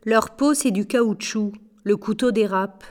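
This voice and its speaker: Give me a gruff, unhurried street thug, played by a woman, blunt and cold. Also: medium pitch, darkish tone, long reverb tail, natural voice. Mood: grim. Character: hardened male street thief, gruff and cold.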